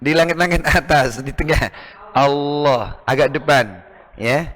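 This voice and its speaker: A man's voice: medium pitch, moderate pace, a bit bright, slightly rough. A man teaching Quran recitation, patiently repeating each sound to demonstrate it, with an East Javanese Indonesian accent. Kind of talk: recitation lesson.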